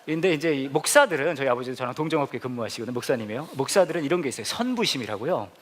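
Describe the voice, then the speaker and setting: A man's voice: medium pitch, lively intonation, rapid-fire. A male pastor telling a humorous, self-mocking story in a sermon to a congregation. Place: church service before a congregation.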